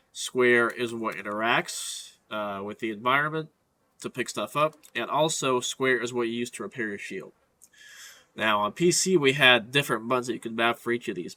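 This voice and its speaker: Stuffy-nosed man with a bright voice. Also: mid-range voice. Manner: halting, with frequent fillers. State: stuffed up from a cold. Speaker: gaming setup tutor. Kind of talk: casual spoken walkthrough.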